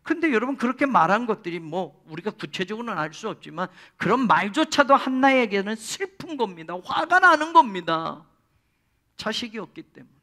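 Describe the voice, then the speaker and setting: High-voiced, expressive male pastor. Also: brisk. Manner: expressive, addresses the congregation directly. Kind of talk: sermon. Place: church.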